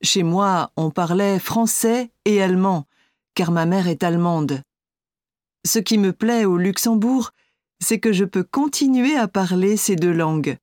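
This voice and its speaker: A woman playing an architect in a scripted listening-exam interview, speaking clearly and steadily. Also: medium pitch, unhurried, darkish tone, no room sound, studio quality, natural voice. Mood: calm. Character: adult woman architect, friendly and composed.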